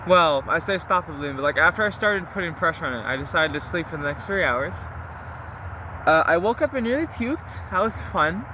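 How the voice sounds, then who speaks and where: A young man with a slightly high voice talks as if to his diary, casual and confessional. He rambles in loose slang with the odd mild swear. Clear ambient noise, like traffic outside, sits behind him. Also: expressive, a little fast. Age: young adult. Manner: rambling, slangy, mildly profane. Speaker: vlogger recording a spoken diary. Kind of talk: casual confessional chat to listeners.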